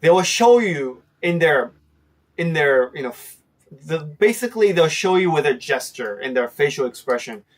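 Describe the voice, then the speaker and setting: A man's voice: fairly high pitch, very animated, normal speed, far from the mic. Man teaching Japanese, a bit off-mic. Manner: hesitant, many fillers, acts out example lines. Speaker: host teaching Japanese phrases. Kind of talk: casual conversational lesson.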